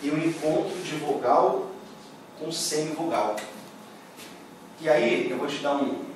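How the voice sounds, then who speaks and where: A man's voice: fairly high pitch, slow, noisy background. A Brazilian man teaching a Portuguese grammar lesson for exam prep, patiently checking in with his students as he explains. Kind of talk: classroom lecture explaining grammar. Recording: echoey room, voice from a distance.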